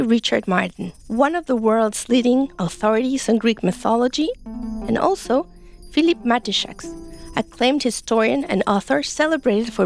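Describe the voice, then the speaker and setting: A woman hosts a podcast in a measured, reflective tone. Her voice has a gravelly, fry-edged texture. The recording is dry and close. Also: on the high side, no room sound. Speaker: podcast host. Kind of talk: scripted podcast narration.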